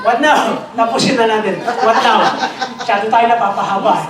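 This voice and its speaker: A man's voice: very high-pitched, steady tone, moderate pace, over a noisy crowd. A man preaching a joking sermon as pastor, switching between Tagalog and English and imitating people he talks with. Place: large church hall. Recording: echoey hall, from far off. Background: congregation responding.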